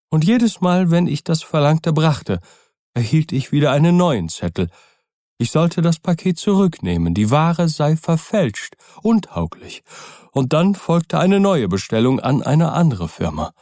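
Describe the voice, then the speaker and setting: A man's voice: a little high, warm tone, no room sound, clean studio sound, pitched above the performer's own voice. A man voicing an old male butler, frightened and agitated, pleading with rising urgency.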